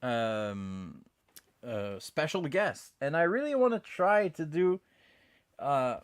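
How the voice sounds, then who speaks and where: A man with a Quebec French accent, a native French speaker, hosting a casual bilingual podcast and switching between English and French in an animated, hesitant way. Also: a little high, slow, smooth, no echo, studio quality. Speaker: podcast host.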